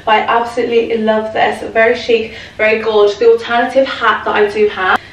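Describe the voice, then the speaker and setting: A woman's voice: fairly high pitch, little pitch movement, a little fast. A young woman vlogger gushing about her outfits as she sorts clothes at home. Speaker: fashion vlogger. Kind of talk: casual styling chat to camera. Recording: roomy echo, distant from the mic.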